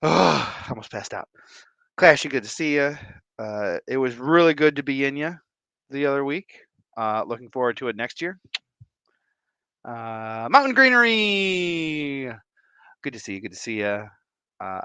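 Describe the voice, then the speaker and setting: A man hosting a casual livestream, greeting viewers in an excitable, effusive way and laughing often. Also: medium pitch, normal speed, smooth, no echo. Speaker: livestream host.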